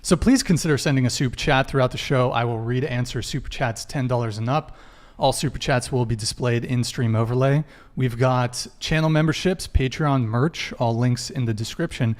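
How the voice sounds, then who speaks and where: A young man hosts a live dating podcast, reading casual stream announcements in a mid-range voice at a moderate pace with few pauses. He's loose and joking, stumbling over tech mishaps as he goes.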